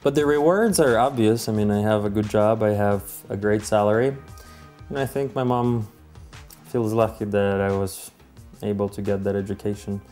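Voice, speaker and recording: A young man from Kyrgyzstan telling his life story calmly in a documentary interview, with some fillers. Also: fairly low pitch, moderate pace, soft background music. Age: young adult. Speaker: advertising account director.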